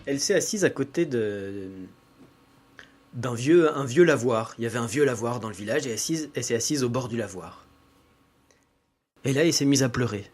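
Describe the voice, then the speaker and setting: A man's voice: mid-range voice, expressive, moderate pace, long pauses, darkish tone. A man telling a folk tale casually, with fillers and repetitions. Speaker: storyteller.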